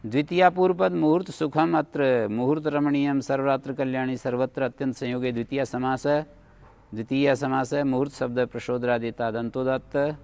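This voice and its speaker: A man's voice: mid-range voice, fairly even intonation, normal speed, darkish tone, no room sound. A man teaching a Sanskrit grammar class, going through rules one by one and checking whether the students have understood. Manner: explains rule by rule, checks understanding. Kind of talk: classroom lecture.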